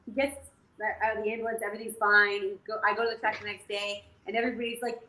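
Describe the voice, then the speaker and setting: A woman in her forties from Canada, a jockey guest telling stories in an animated, casual way full of fillers. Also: medium pitch, fast. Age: 40s. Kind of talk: casual interview storytelling. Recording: echoey room, faint noise.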